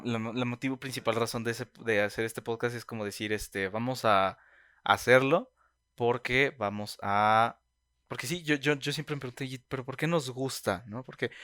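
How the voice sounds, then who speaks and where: A man's voice: mid-range voice, fairly bright tone, clear, resonant tone, no room sound, studio quality. A man, hosting a podcast and telling stories in a rambling casual way with many restarts. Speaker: podcast host.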